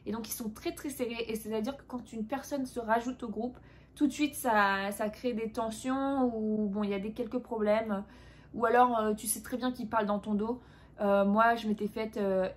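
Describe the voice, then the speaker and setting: A young French woman talking casually to camera about life abroad, chatty and full of fillers. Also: mid-range voice. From France. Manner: chatty, many fillers, quoting others in English. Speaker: vlogger. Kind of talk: casual confiding monologue.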